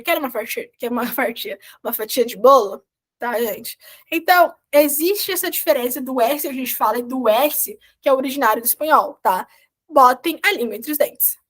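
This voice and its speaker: A woman with a high voice, Portuguese her first language, leads a recorded beginner Spanish lesson. She explains in a chatty, informal way, keeps checking in with her students, and talks into a computer mic. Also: a bit bright. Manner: chatty, explanatory, often adds "tá, gente?". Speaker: Spanish teacher.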